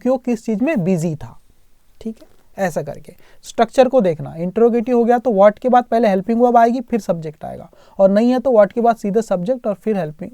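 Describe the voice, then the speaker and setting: A man's voice: extremely high pitch, darkish tone, dry recording, studio quality. A man teaching English, explaining a story phrase by phrase, repeating himself and often checking in with the listener. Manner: repetitive, keeps checking in with "है ना?"; translates phrase by phrase, spells words out.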